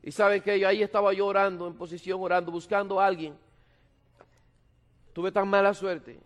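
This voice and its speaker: A man's voice: sits high, flat delivery, moderate pace. A middle-aged man preaching a sermon, telling stories with humor and emphasis. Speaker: pastor. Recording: long reverb in a hall.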